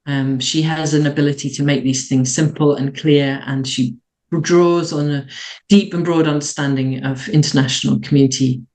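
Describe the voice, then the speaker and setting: A webinar host introducing a guest speaker over a video call, reassuring and unhurried with a few fillers. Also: medium pitch, steady tone, darkish tone, rough recording.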